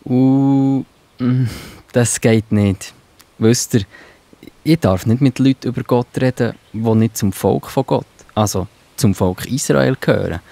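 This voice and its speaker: For a children's audio drama, a man plays the apostle Peter, a thoughtful, kindly, bearded figure who muses and ponders aloud. His mid-range voice is warm and gravelly, measured in pace, with no room sound.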